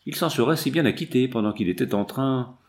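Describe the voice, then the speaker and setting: A man's voice: medium pitch, fairly quick, a little mellow, close to an everyday voice. Narrator reading a crude, jeering male hunter in an audiobook, plain everyday voice. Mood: mocking.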